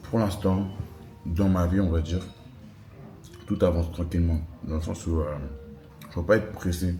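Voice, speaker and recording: Warm and low-voiced, this young Frenchman in his twenties chats directly to his viewers in a casual airport-lounge vlog, slangy and talkative, addressing them as "les gars." The recording picks up a noisy airport atmosphere.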